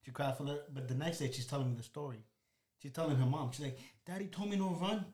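A man's voice: medium pitch, rapid-fire, roomy sound. A man hosting a podcast in casual chat, acting out quotes as he tells stories. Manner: animated storyteller, acts out quotes. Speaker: podcast host.

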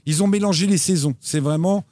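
A man co-hosting a casual chat show about TV and streaming picks, talking in an animated way with lively jumps in pitch. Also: a little fast, no room sound, clean studio sound. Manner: animated, lively pitch swings, frequent restarts. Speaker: co-host recommending TV shows.

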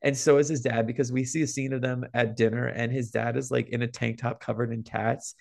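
A man co-hosting a podcast, telling gossipy stories in an animated, casual way. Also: mid-range voice, fairly quick, gravelly. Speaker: podcast co-host.

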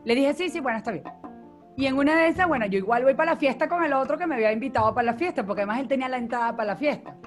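A woman's voice: sits high, rapid-fire, few pauses, soft background music. A woman from Venezuela telling a personal story in casual conversation, acting out the lines of the people in it. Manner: animated, acts out quoted dialogue.

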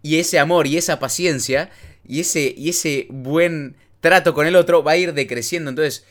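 A man's voice: on the high side, moderate pace. A man with an Argentine Rioplatense accent, co-hosting a casual podcast, talking in slang with casual swearing and math analogies. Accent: Argentine Rioplatense Spanish. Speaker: podcast co-host.

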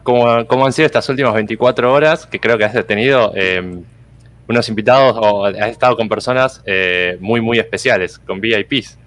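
A man with a fairly low voice hosts an interview podcast. He is a native Spanish speaker and keeps a polite, formal hosting manner. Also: fast talker, a bit bright. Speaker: podcast host.

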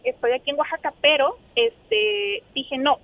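A Mexican woman with a very high voice tells her story casually. She chats freely as a guest and acts out what was said. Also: animated, fairly quick, no echo, phone-quality sound. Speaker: guest telling a personal story.

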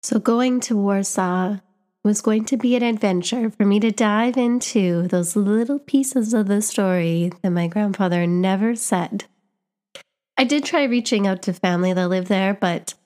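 With a mid-range, darkish voice, a young Canadian teacher and vlogger reflects to camera in an earnest personal monologue. She often backs up and repeats words while working out what she wants to say.

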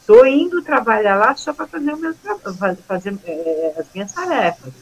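Animated woman telling stories. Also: a little high, normal speed, breathy edge, low-quality recording. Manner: lively, animated retelling with quoted dialogue. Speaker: guest. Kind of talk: casual storytelling chat.

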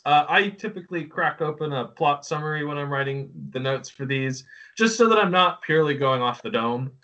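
Bright-voiced casual podcast co-host man. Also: mid-range voice, muffled recording. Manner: rambling, self-interrupting, joking. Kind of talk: casual chat.

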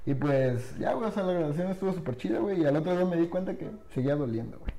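A man's voice: fairly high pitch, animated, very fast, warm tone, reverberant, rough recording. A young man with a Mexican accent telling a breakup story in slangy, laughing casual chat with friends. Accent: Mexican Spanish. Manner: slangy, laughs often, tells stories. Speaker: podcast co-host.

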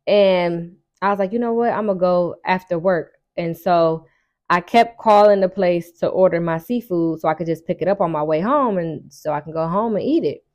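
In dull-sounding audio, a woman with a lowish, slightly mellow voice speaks at normal speed. She's relating something that happened to her, chatting colloquially with her audience, animatedly voicing the other people and lengthening key words for effect.

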